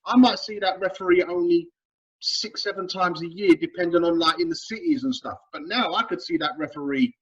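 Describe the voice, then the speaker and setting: A man's voice: high-pitched, fairly quick, husky. A man chatting casually about basketball on a podcast, repeating words as he goes. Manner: stumbling, repeats words, animated. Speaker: podcast panelist. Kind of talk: casual sports chat. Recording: dull lo-fi sound.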